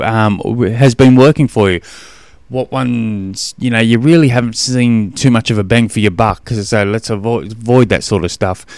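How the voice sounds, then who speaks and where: A man's voice: on the low side, no echo. A man hosting a podcast, giving coaching advice in a rambling, matey way full of fillers. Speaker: podcast host and running coach. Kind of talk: casual monologue answering a listener question.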